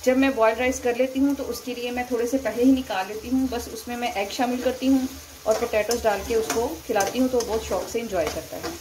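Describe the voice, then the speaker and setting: Higher-voiced woman talking over sizzling frying. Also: fairly quick, background noise. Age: adult, mother of a young son. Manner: calm, explains step by step to viewers. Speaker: cooking vlogger. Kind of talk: home cooking demonstration. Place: home kitchen at the stove. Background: frying and stirring in a wok.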